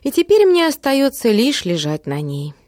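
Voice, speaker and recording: A woman's voice: on the high side, wildly swooping pitch, moderate pace, darkish tone, no room sound, clean studio sound, pitched above the performer's own voice. A woman reading an audiobook, voicing a rueful young mother friend who speaks in a sad, resigned way.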